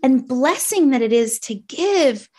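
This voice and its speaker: On a podcast conversation, a guest coach from New Jersey, a woman in her thirties, talks with a Jersey accent in a sincere, thoughtful way. She sounds high-pitched and animated, a bit slow, and slightly mellow.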